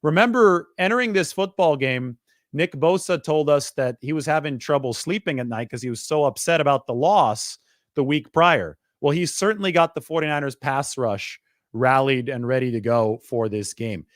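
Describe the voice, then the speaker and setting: A man's voice: medium pitch, dry recording. Male sports reporter, conversational stat breakdown, dry close sound. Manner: quick, stat-heavy, conversational. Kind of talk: sports analysis monologue.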